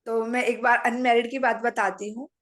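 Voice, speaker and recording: A middle-aged woman calmly tells a personal story to a meditation audience, speaking matter-of-factly and acting out her own lines in conversations. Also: on the high side, normal speed. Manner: calm, matter-of-fact storytelling with quoted dialogue.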